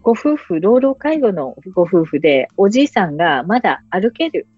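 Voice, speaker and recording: A woman nurse in remote home monitoring, explaining her service in an interview with a Hakata dialect and animated storytelling. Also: medium pitch, normal speed, breathy edge, dry recording, faint music behind. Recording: dull lo-fi recording.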